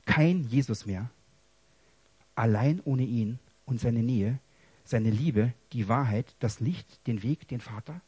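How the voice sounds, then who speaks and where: A man delivers a heartfelt testimony sermon in a husky voice. He moves from hushed, broken confession to raised, pleading cries. The recording is dry and close. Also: medium pitch, slow pace, no echo. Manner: emotional, dramatic swings between hushed and loud. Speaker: preacher.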